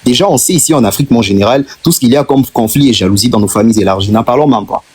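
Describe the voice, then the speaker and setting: Very fast and husky, with a mid-range, darkish voice, a Congolese man from the DRC argues insistently on a live stream. His Congolese French accent carries a torrent of rhetorical questions and emphatic repetitions.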